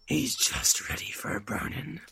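A man voicing a scornful male devil of the woods in a hoarse, growling whisper. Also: unhurried, sharp tone, no room sound, poor audio. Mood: menacing.

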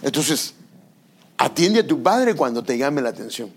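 An older man preaching a sermon as pastor, animated and acting out parents and children in little scenes. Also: mid-range voice, a little slow.

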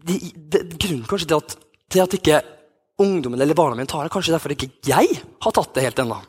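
A man's voice: a little high, expressive, darkish tone, slightly rough. A man in his thirties, a youth pastor, telling a personal story in a sermon with many restarts and fillers. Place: church hall.

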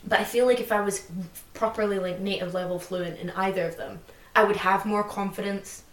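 Brisk and fairly even in intonation, this young woman's medium-pitched voice comes through roomy and off-mic as she co-hosts a relaxed podcast chat. Her talk meanders, sprinkled liberally with "like."

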